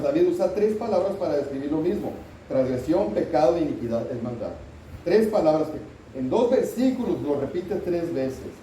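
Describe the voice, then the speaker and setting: A middle-aged man preaches an earnest sermon and checks in with his listeners. His voice sits a little high yet sounds very dark and mellow. He is picked up at a distance in a roomy church, with faint noise behind. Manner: earnest, asks the congregation questions. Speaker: pastor. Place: church sanctuary.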